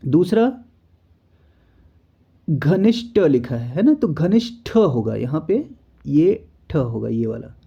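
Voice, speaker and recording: A man's voice: fairly high pitch, sing-song, slow, gravelly, breathy edge. Man teaching spelling, dull lo-fi sound. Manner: explains step by step, often checks in with the learner. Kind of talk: exam-prep spelling lesson. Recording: dull lo-fi recording.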